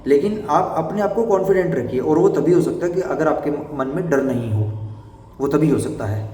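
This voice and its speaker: A young man giving fast, direct advice to job interview candidates in an instructive explainer style. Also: on the high side, animated, dark tone. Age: young adult. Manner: brisk and instructive, addresses viewers directly. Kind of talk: explainer video talk. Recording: echoey room, voice from far off the mic.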